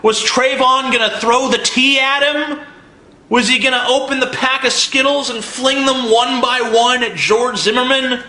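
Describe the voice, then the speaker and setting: A man's voice: very high voice, pushed and bright, echoey room. A man in his twenties delivering an angry, profane commentary rant full of sarcastic rhetorical questions. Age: 20s. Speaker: video blogger.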